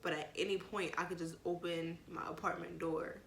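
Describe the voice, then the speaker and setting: A woman's voice: fairly low pitch, flat delivery, normal speed, creaky, slight background noise. A woman vlogger frankly telling an emotional personal story in casual talk, with plenty of swearing and rambling asides. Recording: roomy echo.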